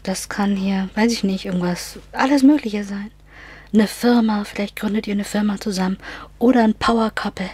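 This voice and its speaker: A woman's voice: medium pitch, husky. A woman giving a casual spiritual reading to her viewers. She often drops into a whisper, repeats words and slips in English phrases. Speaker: astrology and card reader.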